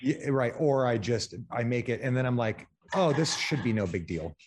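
A man's voice: mid-range voice, animated, normal speed, crowd noise. A man co-hosting a podcast in casual chat, joking around and swearing freely. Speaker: podcast co-host.

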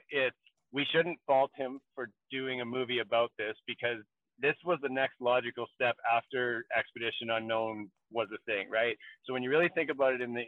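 A man co-hosting a podcast chats casually, rambling along with lots of fillers like "you know." His voice is medium-pitched, and the call audio sounds tinny and dry, with no room sound.

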